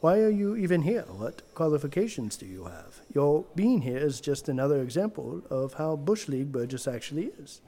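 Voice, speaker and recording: A stern, disdainful doctor acted by a man in an audio drama, speaking in a slightly high yet mellow voice. His formal delivery is haughty and indignant. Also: sing-song, moderate pace, few pauses. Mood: scornful. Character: stern, disdainful male doctor on review boards. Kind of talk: scripted comedy-horror audio drama.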